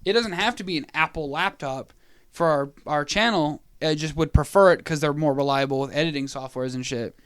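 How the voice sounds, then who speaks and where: Brief: young male podcast co-host, smooth higher voice, dry close mic, rambling storyteller. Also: fairly quick, fairly bright tone, no room sound. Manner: rambling storyteller with many fillers. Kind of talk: casual podcast chat. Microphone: podcast microphone.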